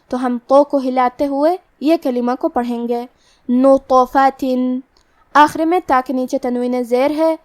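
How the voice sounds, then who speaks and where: A woman teaching Quran recitation rules, explaining each word calmly and methodically, then reciting it slowly and drawn out. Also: high-pitched.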